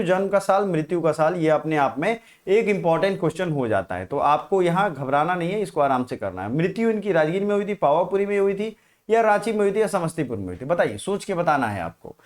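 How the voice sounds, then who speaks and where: A man's voice: high-pitched, big pitch swings, a little fast. Man teaching a live exam-prep class. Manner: questions viewers directly and checks comments.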